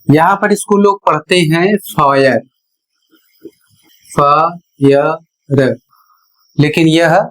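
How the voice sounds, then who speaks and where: A teacher explaining English pronunciation rules one step at a time, in a measured, repetitive way. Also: medium pitch. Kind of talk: slow explanatory lesson narration.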